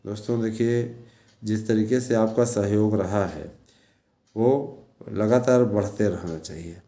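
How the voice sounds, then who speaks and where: In a room with noticeable echo, a teacher who also presents news online addresses his followers in an informal monologue. His voice is on the low side, steady and dark, and unhurried, and he keeps exhorting them with frequent check-in tags.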